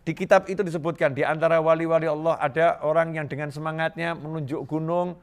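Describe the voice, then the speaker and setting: A middle-aged man from Indonesia preaching a sermon to a congregation, lively and joking, repeating phrases for emphasis. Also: on the high side, fast, clean tone. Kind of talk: Islamic sermon to a live congregation.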